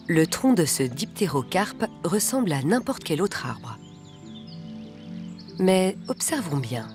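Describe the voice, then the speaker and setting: A documentary narrator with a medium-pitched voice delivers scripted nature narration. The delivery is measured and articulate, with music playing underneath.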